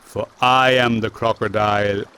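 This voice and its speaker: A man voicing a sly, hungry old crocodile in a storybook, speaking low and hushed through his teeth. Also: steady tone, measured pace, slight background noise. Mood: sly menacing.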